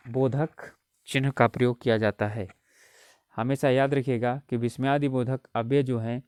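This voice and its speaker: A man's voice: medium pitch, a little mellow, smooth, dry recording, clean studio sound. A man giving an exam-prep grammar lesson, explaining patiently and repeating key points with frequent check-ins. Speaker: Hindi grammar teacher.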